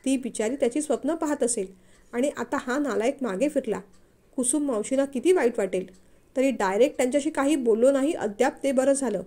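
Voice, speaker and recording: High-voiced woman narrating a story. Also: fairly quick. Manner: emotive, expressive.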